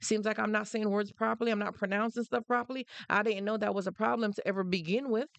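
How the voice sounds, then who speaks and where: A woman with a Jamaican accent hosts a casual livestream, addressing her viewers directly. Her voice is mid-range, steady in tone, creaky, and fast, recorded dry. She's emphatic, repeats her points, and breaks off to greet people as they join.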